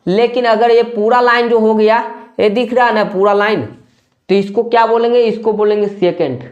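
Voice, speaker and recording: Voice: mid-range voice, fairly even intonation, normal speed, lo-fi sound. Patient, repetitive maths teacher. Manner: repeats key terms and asks rhetorical questions; checks in with tag questions. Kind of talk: classroom-style explanation.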